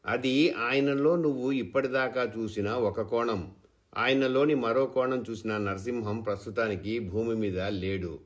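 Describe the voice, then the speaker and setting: A man's voice: medium pitch, a little slow, lightly acted. A man voicing a stubborn farmer husband who speaks with indignation and bitterness. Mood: resigned. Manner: indignant, then weary.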